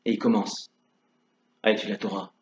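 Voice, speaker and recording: A man teaching Torah through a dramatic story, moving between hushed narration and loud calls. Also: lowish voice, little pitch movement, brisk. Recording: dull lo-fi sound in an echoey room.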